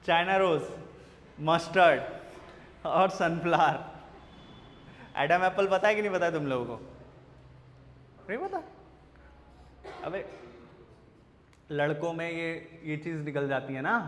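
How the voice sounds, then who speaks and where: A man's voice: fairly high pitch, steady tone, a little slow, pauses often, fairly bright tone, long reverb tail. A male biology teacher lecturing in a classroom, quizzing his students with repeated questions and teasing them. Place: classroom with a whiteboard.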